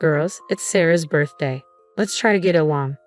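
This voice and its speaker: Woman voicing an oblivious mother in a narrated story, gentle and peacekeeping, low-pitched. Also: normal speed, faint music behind, lightly acted. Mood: soothing. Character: well-meaning middle-aged mother, oblivious.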